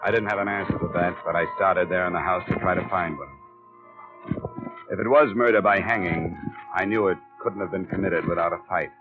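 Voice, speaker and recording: A hard-boiled private eye speaks in a low, clipped and matter-of-fact voice. His voice comes through the tinny, narrow-band sound of an old AM radio broadcast. Music plays clearly behind him. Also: fairly even intonation, a little fast. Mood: narrating. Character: tough, level-headed male private investigator. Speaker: narrator and lead investigator. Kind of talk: 1950s radio drama acting and narration. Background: music bed.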